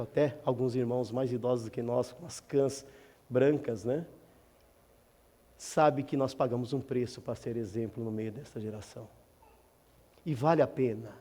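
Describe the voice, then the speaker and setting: An older Brazilian man giving a sermon as guest pastor, telling stories and swinging between hushed and loud. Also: medium pitch. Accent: Brazilian Portuguese. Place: church hall. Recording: long reverb of a church hall.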